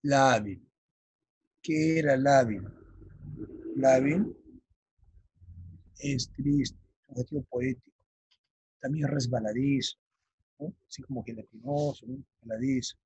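A male teacher explaining vocabulary for an exam, often checking in with his students and slowly dictating key terms. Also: medium pitch, fairly even intonation, dark tone, breathy edge, poor audio. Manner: checks understanding with frequent "ya?". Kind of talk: vocabulary lesson for exam prep.

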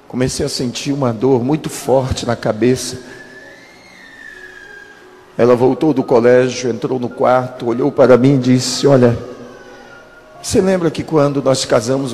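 A pastor in his thirties telling a dramatic testimony in a sermon, with slow emphatic pauses. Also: medium pitch, darkish tone. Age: 30s. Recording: long church-hall reverb with music.

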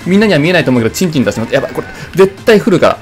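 A young man rattles off casual gameplay commentary at high speed, his voice swinging widely up and down as he jokes and rambles. He breaks off to yelp warnings at the race. Game music plays faintly underneath. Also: sing-song, very fast. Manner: rambling, jokey, reacting loudly to the race. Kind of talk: casual let's-play commentary.

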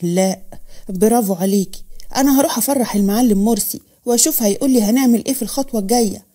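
A woman's voice: fairly high pitch, rapid-fire, dark tone, close to an everyday voice. A woman voicing a scheming man with an Egyptian accent, in a pleased, conspiratorial way. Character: scheming man, eager for news.

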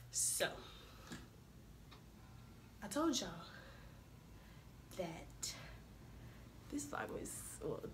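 A young woman vlogging casually to her viewers, her voice slightly hoarse from a cold, chatting informally and calling them y'all. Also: sits high, background noise. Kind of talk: casual vlog chat to camera.

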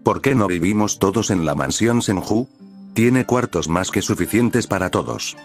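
A man reading the lines of a cheerful older male village founder in a fan story, in an even storybook tone. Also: on the low side, moderate pace, faint music behind, natural voice.

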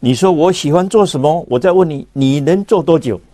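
A man giving a measured lecture, making his points through rhetorical questions. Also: on the high side, warm tone, no room sound. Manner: deliberate, asks rhetorical questions.

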